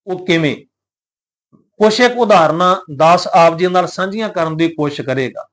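A man giving a devotional lesson, explaining scripture pronunciation in a measured way and often asking the listeners questions. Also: high voice. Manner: addresses the congregation, poses rhetorical questions. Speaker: Gurbani pronunciation teacher. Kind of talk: devotional teaching talk.

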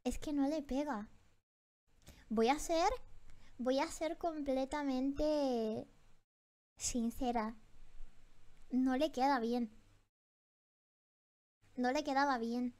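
Young woman streamer, super high voice, flustered, keeps repeating herself. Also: steady tone, slow, long pauses, darkish tone. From Japan. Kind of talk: casual stream reaction.

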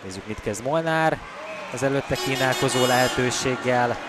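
Excited male sports commentator, noisy arena. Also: medium pitch. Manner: excited delivery that swells on attacks. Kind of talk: live ice hockey play-by-play commentary. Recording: loud arena noise behind commentary. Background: ice rink ambience.

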